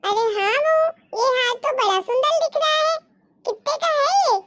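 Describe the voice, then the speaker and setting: A woman's voice: very high voice, animated, unhurried, fairly bright tone, slight background noise, exaggerated voice. A woman voicing a bossy old grandmother who nags and scolds the household in a family drama. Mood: fussing. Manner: nagging, scolding. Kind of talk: Hindi family drama acting.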